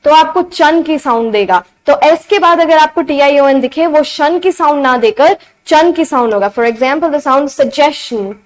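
High-voiced woman teaching sounds. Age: young adult. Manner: drills sounds slowly, repeating each one. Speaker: English teacher. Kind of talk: phonics lesson for beginners.

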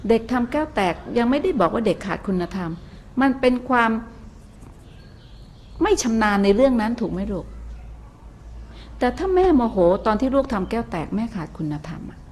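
A woman's voice: fairly high pitch, big pitch swings, normal speed, long pauses, slightly rough. Motherly woman giving a dharma talk. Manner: gentle, motherly, asks the audience questions. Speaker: Buddhist nun teacher.

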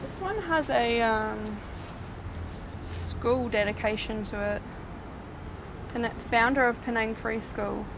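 A woman's voice: a little high, slow pace, gravelly, long pauses. Young woman vlogging in a cemetery at night. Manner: chatty, reading out names from headstones. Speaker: paranormal vlogger host. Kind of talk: casual night exploration vlog. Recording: noisy outdoor night recording.

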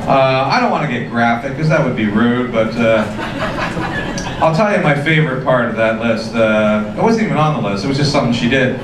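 A man's voice: mid-range voice, animated, fairly quick. A middle-aged man doing a stand-up set, telling self-mocking stories with false starts and restarts. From Canada. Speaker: stand-up comedian. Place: comedy club stage. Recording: echoey club recording from far off with loud audience noise. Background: audience laughter.

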